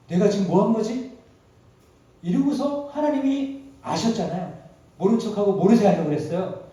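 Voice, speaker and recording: Preaching man in a booming echoey hall. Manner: dramatic, acts out quoted voices with big swings in loudness. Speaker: pastor. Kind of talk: sermon. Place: prayer retreat hall. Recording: very echoey hall, mic at a distance.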